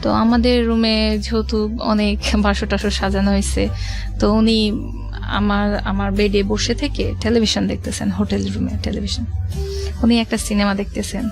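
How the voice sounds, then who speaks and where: A middle-aged woman from Rajshahi, Bangladesh, narrates her life story as a guest in a radio studio, speaking conversationally while repeating and rephrasing herself. Her mid-range voice has a flat delivery at a moderate pace, with music playing in the background.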